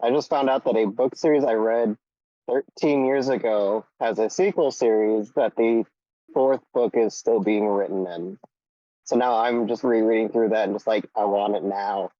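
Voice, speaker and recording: A man with a mellow, warm voice chatting casually about books. He tells his story in a relaxed, easygoing way. His voice comes through a dry, somewhat dull lo-fi line. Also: medium pitch, moderate pace, dry recording. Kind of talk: casual chat.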